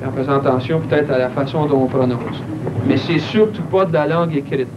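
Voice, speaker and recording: A man's voice: medium pitch, fairly quick. A man with a Québécois accent, a primary school teacher, explaining to his class in an encouraging way. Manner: encouraging, explaining, uses fillers like tu sais. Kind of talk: classroom discussion. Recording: dull old recording with clear background noise.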